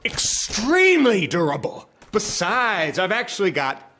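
An actor playing a theatrical, bossy male zombie food-truck boss in an animated comedy, given to shouting. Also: high-pitched, takes it slowly, faint music behind, exaggerated voice. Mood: gleeful.

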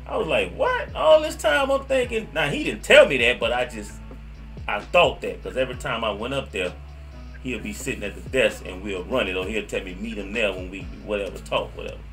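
Over background music, a middle-aged man from New Orleans, USA, hosts a local music history show, reminiscing to camera in a casual, slangy way with his New Orleans accent. His voice is lowish and fairly bright, his pace fairly quick, and he often repeats himself as memories come back.

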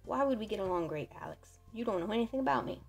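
A woman's voice: medium pitch, animated, fast talker, gravelly, breathy edge. A woman giving casual, chatty let's-play commentary, playful and thinking aloud. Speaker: gaming video host. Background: faint game music.

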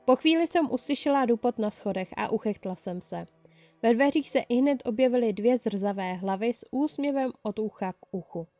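A woman reading a fan story aloud in the first person, telling it in a lively way. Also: on the high side, no room sound, soft background music. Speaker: fan-fiction reader.

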